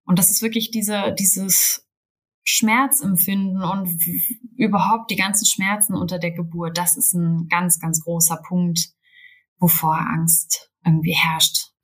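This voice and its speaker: A woman's voice: lowish voice, level tone, unhurried, slightly rough. A woman from Berlin, a birth doula, explaining things thoughtfully as a podcast guest. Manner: thoughtful, explanatory, many fillers. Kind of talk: podcast interview.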